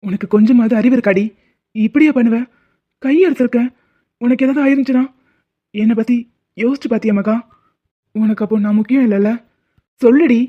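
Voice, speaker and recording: A voice actor doing a young cartoon boyfriend with a quick temper and a caring heart, who scolds and then lectures earnestly. The pitch sits in the middle, and the sound is thin and tinny, as if over a phone. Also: steady tone, lightly acted. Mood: angry.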